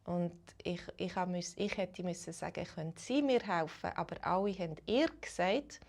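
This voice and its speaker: A woman's voice: fairly low pitch, darkish tone. A woman from Switzerland who teaches Swiss German, chatting casually with live-stream viewers and greeting them one by one. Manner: greets chat viewers, slow and unhurried, switches between English and German.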